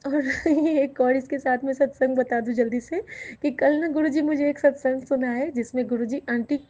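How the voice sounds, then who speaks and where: A woman tells her devotional experiences in a chatty, intimate way, with a voice set a little high and frequent laughter. Grateful asides run through her telling. The recording is dull and lo-fi. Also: steady tone, moderate pace, mellow. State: out of breath. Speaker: satsang storyteller. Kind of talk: devotional testimony to listeners.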